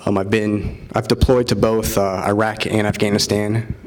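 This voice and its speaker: A man's voice: on the low side, level tone, moderate pace, darkish tone. A man in his thirties from Florida, an army officer giving an earnest ceremonial keynote speech with frequent fillers.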